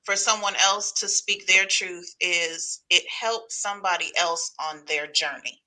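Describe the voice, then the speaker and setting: Affirming woman in her forties, very bright. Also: fairly low pitch, a little slow, poor audio. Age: 40s. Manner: affirming, thoughtful. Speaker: guest. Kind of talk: supportive casual conversation.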